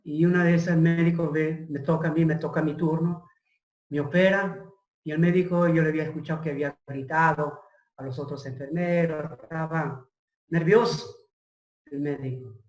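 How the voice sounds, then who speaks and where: A middle-aged man telling a personal testimony as an interview guest, halting and searching for his words. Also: on the high side, steady tone, darkish tone. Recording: roomy echo.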